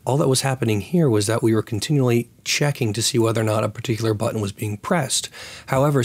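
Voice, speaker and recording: A man of medium pitch hosts a casual screen-recorded programming tutorial. His voice is raspy and full of creak, hoarse as if getting over a lost voice. He thinks aloud as he works. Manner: thinks aloud while working. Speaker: tutorial host.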